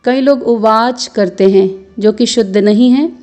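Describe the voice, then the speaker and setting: A woman teaching Sanskrit verse recitation, patiently chanting each line slowly and then explaining pronunciation. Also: on the high side, a little mellow, soft background music. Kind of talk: slow instructional recitation.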